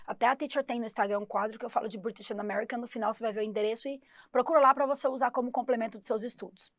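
A woman teaching an English lesson for exam prep, chatty and explaining slowly, spelling out words letter by letter. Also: a little high, fairly even intonation, a bit bright, dry recording, clean studio sound.

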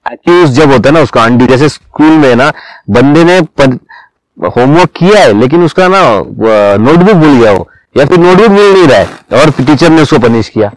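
A man with an Indian accent telling stories in a relaxed, conversational way during a homeopathy discussion. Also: mid-range voice, moderate pace, no room sound, low-quality recording. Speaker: homeopathy teacher. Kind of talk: casual discussion.

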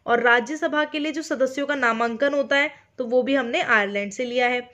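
An Indian woman teaching an online exam-prep lecture, speaking slowly on purpose and often checking in with her listeners. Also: sits high, a bit bright. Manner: mixes English terms into her explanations.

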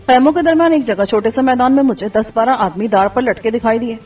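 A woman reading a first-person adventure story aloud in steady scripted narration. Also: a little high. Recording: dull distant recording with faint music.

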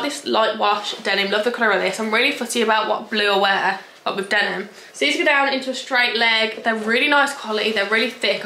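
A woman's voice: on the high side, sharp tone. A young woman chatting through a clothing try-on haul vlog, bubbly and gushing with casual slang. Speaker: fashion vlogger. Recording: echoey room, faint hiss.

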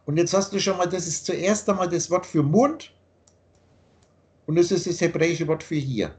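Guy with a highish voice lecturing over a video call, earnest, keeps repeating himself. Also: expressive, moderate pace. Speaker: teacher explaining his teaching. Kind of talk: explanatory monologue in a video call.

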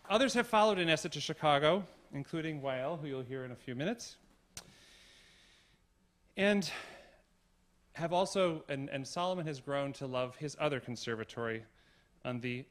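A middle-aged man, a university provost, giving a formal tribute speech in a concert hall, measured with gentle humor. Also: a little high.

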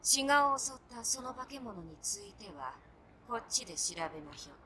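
A woman's voice: on the high side, very animated, normal speed, pushed and bright. A woman voicing a polite but menacing young female hacker in a video game, with a Kyoto Japanese accent and old-fashioned courtly phrasing. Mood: composed, businesslike. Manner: genteel Kyoto dialect with archaic courtesan-style phrasing.

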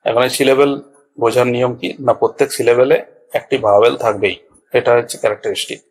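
A man's voice: mid-range voice, steady tone, quick pace, a little hiss or hum, low-quality recording. A man teaching a basic grammar lesson, patient and explaining each point step by step with small checks to his students. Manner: patient, repeats points with checks like "all right". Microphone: small clip-on mic.

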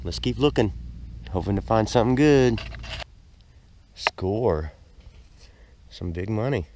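An older man casually narrating his metal detecting outdoors on a lakeside beach, easygoing and excited at each find, recorded on a body-worn camera. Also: lowish voice, takes it slowly, noisy background. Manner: easygoing, excited exclamations at finds. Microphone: action camera worn on the body.

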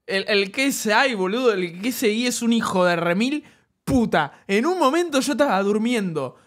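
Young Argentine male streamer, high bright voice, excitable, foul-mouthed storyteller. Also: moderate pace. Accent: Argentine Spanish. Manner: excited, laughing storyteller, swears freely. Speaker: streamer reacting to a video. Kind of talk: casual stream chat.

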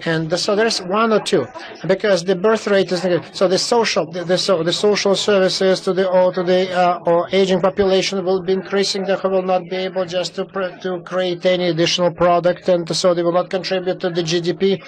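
Halting male conference interpreter. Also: sits high, little pitch movement, low-quality recording. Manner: halting, many fillers and restarts. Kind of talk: simultaneous interpretation of a panel.

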